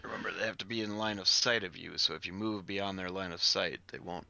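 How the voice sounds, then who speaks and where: A man's voice: deep voice, fairly even intonation, fast talker, gravelly, sharp tone. A man playing a tabletop game over a voice call, casually blunt with rules reminders. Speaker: player.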